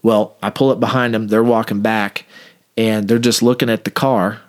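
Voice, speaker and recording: A man's voice: fairly low pitch, moderate pace. A man who is a police officer, telling a story from his work in a casual interview. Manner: animated anecdote with acted-out quotes.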